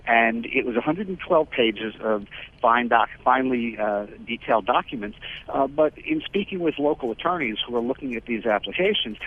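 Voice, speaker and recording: A man co-hosting a radio news show, calling in over a landline phone and speaking haltingly with many filler pauses and restarts. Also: medium pitch, slightly rough. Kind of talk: talk radio news report. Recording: tinny landline phone line.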